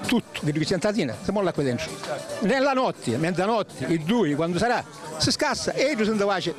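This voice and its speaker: An older man with a Sicilian accent, explaining traditional work in casual dialect, halting and repeating himself. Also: high voice. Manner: halting, repetitive, colloquial explanations. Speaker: traditional winemaker recalling his work.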